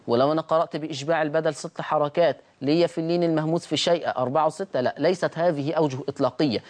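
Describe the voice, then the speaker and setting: A man with an Egyptian Arabic accent teaching a recorded Quran recitation lesson. He puts the students' questions to himself and answers them, and slowly stretches out words to show how they are said. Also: on the high side, a little mellow. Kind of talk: recorded tajweed lesson with on-screen slides.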